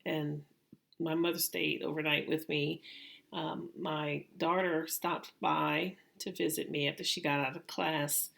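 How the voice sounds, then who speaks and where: A middle-aged woman with a gravelly voice, telling a personal story casually and haltingly, like a vlogger. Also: low-pitched, little pitch movement, fairly bright tone. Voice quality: gravelly, creaky voice. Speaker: vlogger recounting own surgery.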